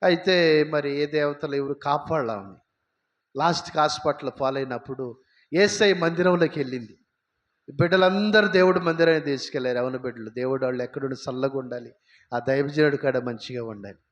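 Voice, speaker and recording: A man preaches a sermon, weaving in his own life story with emphasis and rhetorical questions to the congregation. His voice sits fairly high for a man. The church recording sounds dull and lo-fi. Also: fairly quick. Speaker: pastor. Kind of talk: sermon with personal testimony.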